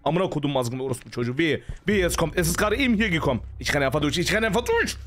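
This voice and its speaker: Jumpy high-voiced man playing a horror game. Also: expressive, rapid-fire, fairly bright tone. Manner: jumpy, panicky, swearing exclamations. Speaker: gaming streamer. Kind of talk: horror game let's play commentary.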